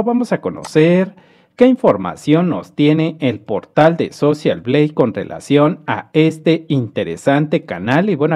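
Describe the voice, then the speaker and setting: Lively Mexican man explaining on screen. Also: fairly high pitch. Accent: Mexican Spanish. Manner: friendly, explanatory, addresses viewers as dear friends. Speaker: host. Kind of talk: screen-recorded commentary.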